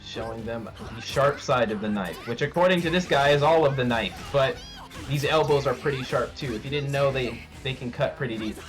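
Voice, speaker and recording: A man's voice: mid-range voice, a little fast, music in the background. A man commentating a fighting game tournament live, calling the action with dramatic hype. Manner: dramatic, hyping the players. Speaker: esports commentator.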